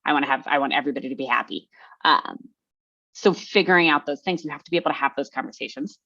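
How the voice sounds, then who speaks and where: A woman's voice: low-pitched, fast, creaky, fairly bright tone, highs cut off. A woman presenting an online workshop in a conversational way, often checking in with her audience. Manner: conversational, often tags sentences with "right?". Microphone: video call.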